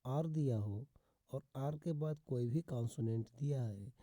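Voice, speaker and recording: A dry recording captures a medium-pitched, warm male voice giving a phonics lesson in Hindi. He explains English pronunciation through slow repetition of rules and long, drawn-out example words, repeatedly greeting his audience as "friends."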